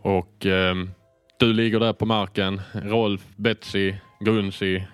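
A man narrating as game master in a relaxed, hesitant way. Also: fairly low pitch, smooth, dry recording, faint music behind.

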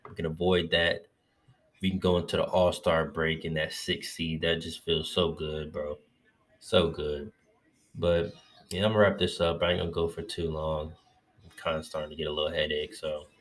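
Man, very low voice, casual fan recap, profane and excitable, getting over covid. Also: normal speed. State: recovering from covid, a little lightheaded. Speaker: sports fan vlogger.

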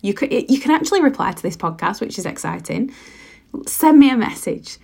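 A woman podcast host and coach with a hoarse, croaky voice, giving an emphatic motivational talk straight to the listener, repeating phrases for weight. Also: medium pitch, very animated, a little fast, mellow. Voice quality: husky, croaky. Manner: emphatic, repetitive, direct address to listener. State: hoarse, sore voice.

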